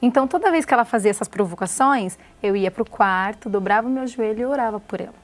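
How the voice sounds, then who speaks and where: Brazilian woman, fairly high voice, calm and soft-spoken, testimony interview. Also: quick pace. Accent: Brazilian Portuguese. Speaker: church member giving testimony.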